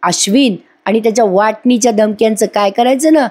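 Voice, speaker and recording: A woman's voice: fairly high pitch, brisk, darkish tone, close to an everyday voice. A woman voicing a stern elderly matriarch in a serial recap, scolding and giving orders. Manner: scolding, commanding. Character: stern elderly grandmother, head of household.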